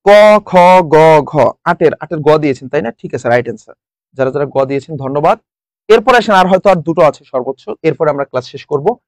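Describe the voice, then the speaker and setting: A man's voice: a little high, a little fast, dry recording. A young man from Bangladesh teaching a live exam-prep class online, quizzing students and repeating the answers. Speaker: online tutor.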